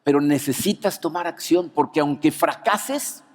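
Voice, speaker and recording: A male pastor with a Mexican Spanish accent, preaching an anniversary sermon as an animated storyteller who keeps adding "¿no?" to his lines. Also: on the high side, moderate pace. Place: church auditorium. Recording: long reverb of a church hall.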